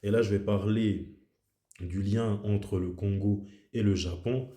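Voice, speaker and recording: A man with a low, very dark and mellow voice talks through his thoughts in a casual, reflective way. He circles back and repeats himself for emphasis. The sound bounces around a noticeably echoey room. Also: fairly even intonation, measured pace. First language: French. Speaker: video host. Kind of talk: casual explanatory monologue.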